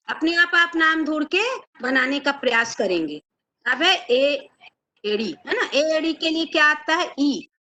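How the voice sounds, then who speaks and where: Bright high-pitched woman teacher. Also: a little hiss or hum, rough recording. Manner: asks and answers her own questions. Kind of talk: classroom lesson.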